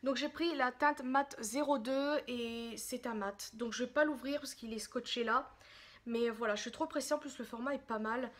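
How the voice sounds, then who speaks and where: A woman chatting casually in a makeup haul vlog, excitable, gushing and often apologizing. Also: a little high, moderate pace. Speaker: beauty vlogger.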